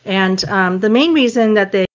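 Woman, mid-pitched, halting, home mic on a voice-chat line that keeps dropping out. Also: muffled recording. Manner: hesitant, many pauses and fillers. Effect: audio cutting out on an online call. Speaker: panel discussion participant. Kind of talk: casual discussion on an online call. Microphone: home mic on a voice chat app.

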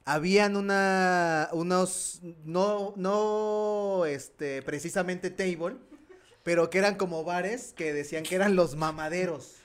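Brief: Mexican man, voice a bit high, slangy and jokey, chiming in. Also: smooth. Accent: Mexican Spanish. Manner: quick jokey interjections, slangy. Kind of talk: casual chat.

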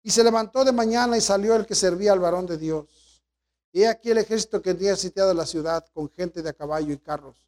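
A male pastor preaching a sermon, retelling scripture in lively paraphrase and addressing listeners as brothers. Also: sits high, fast.

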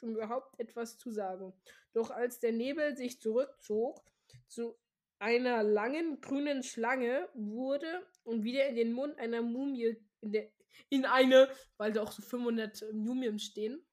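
A woman's voice: a little high, a little slow, darkish tone. A German-speaking woman reading a novel aloud casually, often stumbling and restarting words with chatty asides. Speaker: reader of a book aloud.

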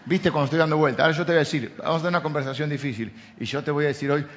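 Emphatic Rioplatense pastor preaching. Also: male voice, a little high, fairly even intonation, very fast, slight background noise. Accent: Rioplatense Spanish. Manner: shifts from loud emphatic preaching to soft intimate asides. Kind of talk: sermon. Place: church. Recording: slightly dull lo-fi sound.

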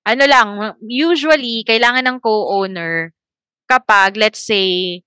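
A woman's voice: fairly high pitch, fairly even intonation, takes it slowly, pushed and bright, clear, resonant tone, dry recording. A woman co-hosting a casual podcast chat, explaining points patiently and laughing easily.

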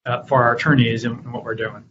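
A man's voice: mid-range voice, little pitch movement, fast, a bit bright, dull audio, slight background noise. A man answering interview questions about running his company and telling stories from his business. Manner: storytelling, acts out his own past lines with rising energy. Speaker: guest, company founder and author.

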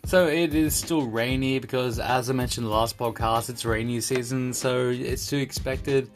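A man's voice: mid-range voice, fairly even intonation, normal speed. Jokey, rambling male podcast host over music. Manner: jokey, rambling, repeats phrases for emphasis. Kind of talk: casual solo podcast chat. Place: indoor room in Tokyo.

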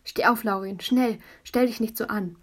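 A woman's voice: a little high, moderate pace, slightly rough. A woman reading an audiobook, voicing a level-headed child who talks in a dry, matter-of-fact way.

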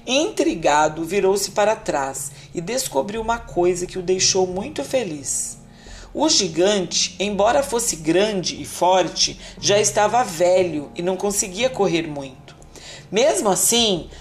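A woman's voice: mid-range voice, slight background noise. Woman reading a fairy tale aloud. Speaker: storyteller.

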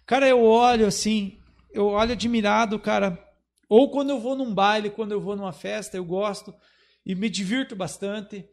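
A man's voice: sits high, moderate pace. A man, a guest telling stories in a casual podcast and repeating his phrases as he goes. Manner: warm storytelling, repeats phrases. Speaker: guest, culture official and photographer.

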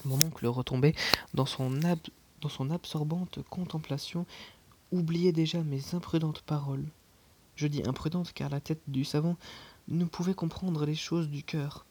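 Audiobook reader: husky, mid-pitched, measured first-person storytelling. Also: steady tone, warm tone. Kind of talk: scripted narration of a classic novel.

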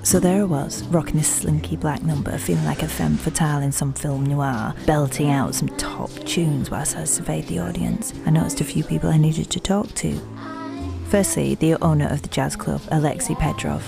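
Wry Yorkshire woman, low gravelly voice. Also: moderate pace, over music. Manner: dry, wry and self-mocking. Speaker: detective narrator. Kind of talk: scripted audio drama narration.

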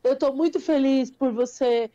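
A woman's voice: high voice, moderate pace, dark tone, no room sound, muffled recording. A young woman co-hosting a livestream, sleepy and affectionate, thanking her viewers. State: sleepy, coughing. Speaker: livestream co-host. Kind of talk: casual livestream chat.

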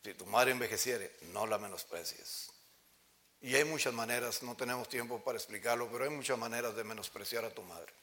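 A male pastor preaches with passion. His bright, forceful voice leaps to loud cries and drops to low murmurs. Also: a little fast. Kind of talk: sermon. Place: church sanctuary.

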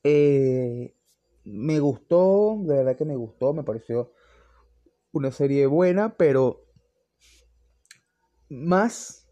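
A man's voice: medium pitch, expressive, slow, long pauses, warm tone, muffled recording. A young man, reviewing series in casual, opinionated chat that rambles and restarts often.

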